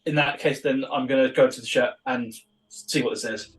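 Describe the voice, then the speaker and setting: A man's voice: medium pitch, steady tone, fairly quick, rough recording. A man playing a tabletop role-playing game, describing his character's actions step by step. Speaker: player.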